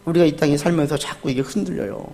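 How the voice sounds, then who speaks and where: A male pastor giving a Sunday sermon, asking the congregation questions and answering them himself, dropping to quiet asides and rising to loud cries when he acts out the crowd. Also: quick pace. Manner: swings from soft, low asides to loud, high cries when acting out the crowd and the beggar.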